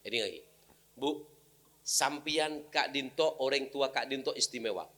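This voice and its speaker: A man with a Madurese accent giving a humorous sermon, animated, with sudden loud outbursts. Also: mid-range voice, moderate pace. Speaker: preacher.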